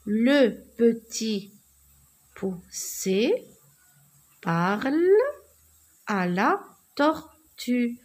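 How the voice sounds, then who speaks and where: A woman teaching a slow spelling and writing lesson, saying words letter by letter in clear, deliberate diction. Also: mid-range voice.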